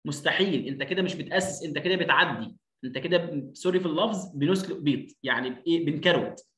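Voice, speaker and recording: A man's voice: fairly high pitch, very fast, pushed and bright. Egyptian man drilling English words, roomy. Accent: Egyptian Arabic. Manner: drills words by repeating them, emphatic. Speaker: English phonics teacher. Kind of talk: online lesson. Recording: roomy echo.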